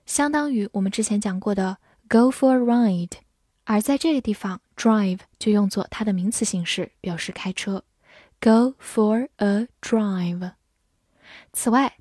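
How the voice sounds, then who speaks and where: A woman teacher giving a scripted vocabulary lesson, spelling words letter by letter and repeating them slowly. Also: fairly high pitch, a little mellow, dry recording, studio quality. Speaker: English teacher.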